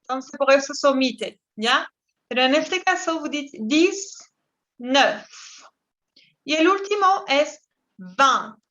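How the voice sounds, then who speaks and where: Slow, careful high-voiced teacher woman. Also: expressive, bright, forceful tone, highs cut off. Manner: slow, careful, repeats words for pronunciation; switches between Spanish explanations and French examples. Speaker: French teacher. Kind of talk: online language class.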